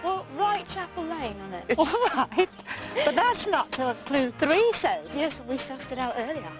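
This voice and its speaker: High, very animated woman presenter. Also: normal speed, music in the background, rough recording. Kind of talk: chatty on-location presenting.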